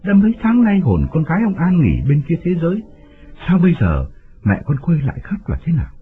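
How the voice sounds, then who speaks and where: A man's voice: fairly high pitch, wildly swooping pitch, fairly quick, voice pushed up. A man voicing a wealthy, self-important village official who answers his wives curtly and evasively, in an audio story with a tinny phone-like sound and faint music. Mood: alarmed. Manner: curt, dismissive.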